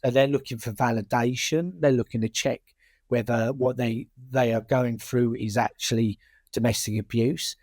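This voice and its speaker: A British working-class accent marks this man, a charity chair and campaigner from the United Kingdom, speaking in a conversational interview at a moderate pace. His voice is medium-pitched and darkish, with fairly even intonation, and he often restarts sentences and repeats words. The recording has no echo.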